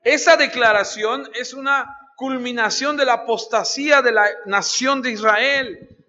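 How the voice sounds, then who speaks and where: Man preaching a bible study, high voice, reads scripture then talks right at the congregation, dull lo-fi recording w long church echo. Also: a little slow, sharp tone. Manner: reads scripture aloud, then addresses listeners directly. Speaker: pastor. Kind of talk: expository Bible study sermon.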